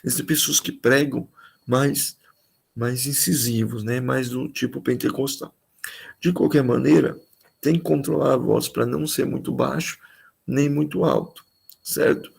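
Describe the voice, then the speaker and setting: A pastor, a man, teaches preaching tips in an easy, conversational way. His voice is heavily gravelly and rough with breath, and he often repeats a phrase to drive it home. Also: medium pitch, steady tone, unhurried, darkish tone, low-quality recording. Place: live-streamed church talk.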